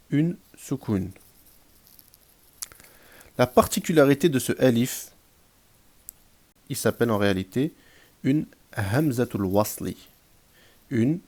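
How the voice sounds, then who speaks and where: Man, Arabic teacher, slow deliberate lesson, patient, repeats examples, mid pitch. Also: darkish tone. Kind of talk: classroom grammar lesson.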